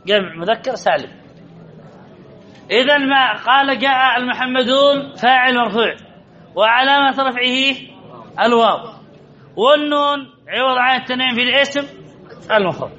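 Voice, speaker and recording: A man's voice: very high voice, sharp tone. A man teaching a grammar lesson to a class, drilling points over and over and calling on students by name with teasing remarks. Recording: dull lo-fi recording.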